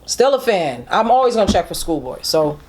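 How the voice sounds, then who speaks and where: A woman's voice: lowish voice, very animated, a little fast, background noise. A woman co-hosting a casual music review podcast, chatty and jokey, with many fillers and repeated words. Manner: laughs easily, jokey. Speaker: podcast co-host.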